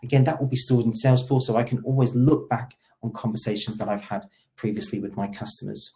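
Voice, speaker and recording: A man hosting a webinar, who works as a solution engineer, presents a product demo with a warm, medium-pitched voice. He talks quickly with fairly even intonation, explaining things and hitting the start of each sentence.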